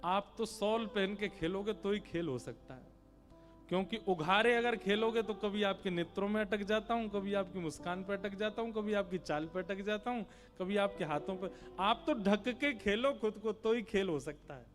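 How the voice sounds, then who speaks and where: A man's voice: moderate pace, soft background music, close to an everyday voice. A man voicing a small, innocent village boy who pleads tearfully and insistently in a story. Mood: earnest. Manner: tearful, pleading, high and loud.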